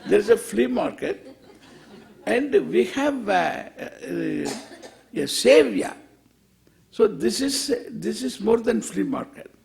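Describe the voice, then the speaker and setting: A man's voice: high voice, very animated, slow pace, creaky, long pauses, a little mellow. A man with an Indian English accent gives an informal spiritual discourse as a swami, playful and wry, posing questions, answering them and repeating phrases for emphasis.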